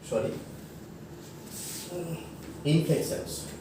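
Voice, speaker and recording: A man giving a college English grammar lecture, halting with many fillers and self-corrections, spelling words out letter by letter. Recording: echoey room, mic far off, faint noise.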